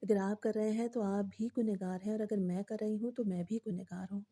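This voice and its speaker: A woman voicing a calm, defiant wife who answers back in a composed, matter-of-fact way. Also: medium pitch, close to an everyday voice. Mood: calm defiance.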